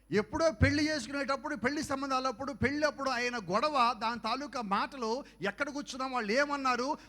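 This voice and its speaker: High bright preacher in an echoing hall. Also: male voice. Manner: fires rhetorical questions at the audience; swings between soft asides and loud exhortation. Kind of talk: evangelical youth sermon. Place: youth camp meeting hall. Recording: echoey hall with long reverb.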